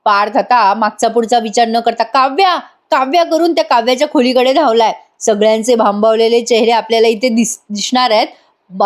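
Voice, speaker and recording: A woman narrates a serial recap over still images, chatting and addressing viewers directly. Her voice sits a little high. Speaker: serial reviewer.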